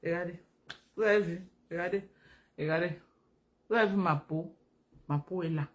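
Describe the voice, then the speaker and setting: A woman's voice: lowish voice, normal speed. A woman talking casually and emphatically to viewers on a phone live stream, repeating herself for emphasis. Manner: animated, repetitive, emphatic, addresses viewers directly.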